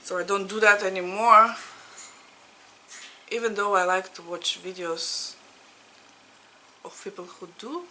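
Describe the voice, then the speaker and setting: Bright-voiced chatty woman, Russian native. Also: mid-range voice, steady tone, slight background noise, rough recording. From Latvia. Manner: chatty, laughs often, halting non-native phrasing. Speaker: needlework vlogger. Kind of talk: casual chat to camera. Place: home in Ireland.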